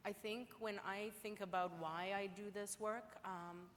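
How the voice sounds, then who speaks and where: A woman's voice: mid-range voice, steady tone, unhurried, a bit bright, slight background noise. Heartfelt woman from Zimbabwe. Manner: heartfelt, personal. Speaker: client support services manager, panelist. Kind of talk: panel self-introduction. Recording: reverberant hall with faint ambience.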